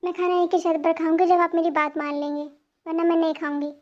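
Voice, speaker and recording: A woman's voice: extremely high pitch, completely flat delivery, fast talker, a little mellow. A woman voicing a stubborn, headstrong young daughter in an amateur fan dub, sulky and emphatic. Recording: dull lo-fi home recording.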